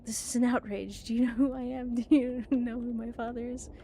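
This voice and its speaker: A woman's voice: on the high side, little pitch movement, brisk, warm tone, a little hiss or hum, close to an everyday voice. A woman voicing a haughty, outraged and entitled young heir in a video game. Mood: haughty outrage.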